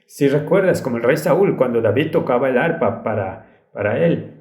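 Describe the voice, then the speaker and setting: A man's voice: mid-range voice, animated, normal speed, a little mellow. A man preaching a sermon, telling a story in an earnest and urgent way. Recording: roomy echo.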